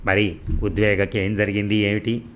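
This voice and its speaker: A man reads a serial audio story aloud in a fairly low voice. He carries every character's dialogue in the same steady narrating tone. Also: normal speed.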